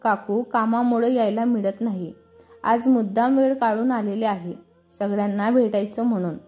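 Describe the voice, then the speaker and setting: A woman's voice: fairly high pitch, moderate pace, soft background music, close to an everyday voice. Woman voicing a soothing young best friend. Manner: calming, friendly advice.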